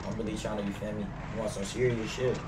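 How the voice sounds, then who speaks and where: A fast-talking young American man with a lowish, level voice chats in slang while streaming himself roleplaying in a crime game. He's at home indoors, wearing a gaming headset. Game car and ambient sounds fill the background of a noisy, echoey, slightly distant stream.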